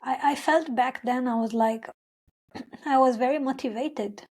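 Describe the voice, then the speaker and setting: A high-pitched, a little slow and slightly mellow voice belongs to a young adult woman singer from Israel-Palestine. Speaking English though her language is Hebrew, she tells her story in an interview. She rambles, keeps using fillers and starting over, and acts out her former words.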